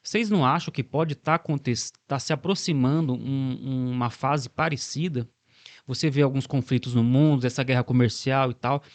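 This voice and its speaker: A man's voice: medium pitch, normal speed, no room sound. A man with a Brazilian Portuguese accent discussing politics as a podcast host, reflective and building long arguments, often ending remarks with a questioning tag.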